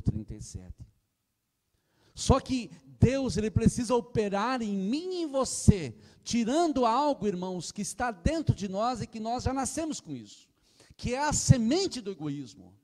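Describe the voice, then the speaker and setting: Older brazilian pastor preaching hard into a handheld mic, fairly high voice, church hall reverb all around. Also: male voice, darkish tone. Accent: Brazilian Portuguese. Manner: impassioned preaching, often calling the congregation "irmãos", retelling anecdotes. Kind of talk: sermon. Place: church platform indoors.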